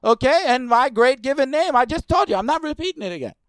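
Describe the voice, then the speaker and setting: A man's voice: extremely high pitch, lively intonation, fast talker, a bit bright, clean tone, dry recording, clean studio sound, pitched above the performer's own voice. A man voicing a rambling, spaced-out old stoner oddball making a prank phone call. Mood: indignant, cagey.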